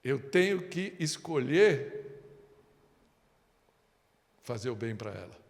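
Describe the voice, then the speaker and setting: A man's voice: mid-range voice, slow. A man preaching a sermon with a Brazilian Portuguese accent, telling stories with acted-out quotes and often turning to the congregation with "amém?". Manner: animated storytelling with acted quotes and asides. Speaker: pastor. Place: church hall. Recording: long hall reverb.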